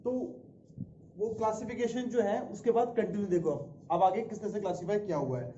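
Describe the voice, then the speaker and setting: A man's voice: high-pitched, fairly quick, mellow, slight background noise. A man teaching a school science class, drilling students with repeated questions and spelling out letter by letter. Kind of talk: classroom lecture. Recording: distant, roomy, dull lo-fi classroom recording.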